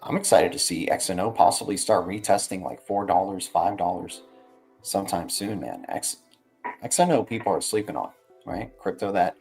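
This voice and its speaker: Male streamer, deeper side, informal rambling commentary with slangy check-in tags, light music bed. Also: darkish tone. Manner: rambling, slangy, often ends phrases with "right" and "man". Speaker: livestream host. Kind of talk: casual livestream market commentary.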